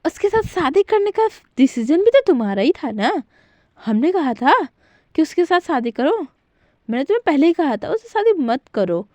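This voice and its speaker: A woman's voice: sits high, sing-song, normal speed, darkish tone, dry recording, voice pushed up. A woman playing a harsh, scolding mother. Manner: harsh, scolding, through gritted teeth. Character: stern, cold middle-aged mother scolding her daughter.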